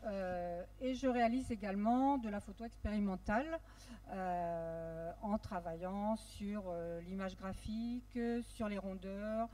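A woman introducing herself on a live panel with halting, careful phrasing, into a handheld microphone. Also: medium pitch, dark tone. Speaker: photographer guest. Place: dark event stage. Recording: distant mic, faint venue noise.

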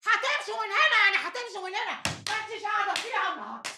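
An actress playing a loud Egyptian woman scolding and cursing her neighbors in a TV drama. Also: extremely high pitch, lively intonation, very fast, noisy background. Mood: furious. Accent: Egyptian Arabic. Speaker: quarrelsome neighbor. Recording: roomy echo.

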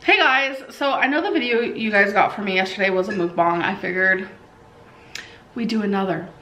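A woman's voice: medium pitch, moderate pace, sharp tone, roomy sound, a little hiss or hum, low-quality recording. A woman vlogger talking casually to her viewers, chatty and confessional, with plenty of filler words. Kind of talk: casual vlog chat.

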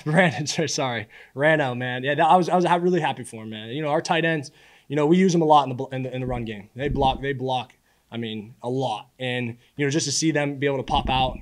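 Here a young man in his early twenties, a college football quarterback, handles postgame press conference questions at a podium in an indoor press room, picked up by the podium mic. He talks at a brisk pace in a medium-pitched voice, sounding laid-back but earnest, and tends to repeat a word while he gathers his thought.

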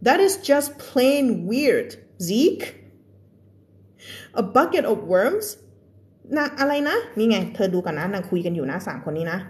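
A woman's voice: on the low side, very animated, quick pace, hardly any pauses. A young woman teaching English in a casual live stream, chatting and laughing with viewers between storybook passages.

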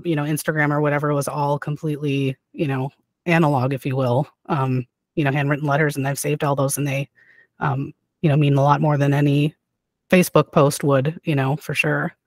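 A podcast host chats with a guest in an easy, affirming way, full of "um" and "you know". The voice sits at a middle pitch. It is recorded dry and close, with little room. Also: flat delivery, moderate pace, no room sound. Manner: chatty and affirming, many "um" fillers and backchannels. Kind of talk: casual podcast interview.

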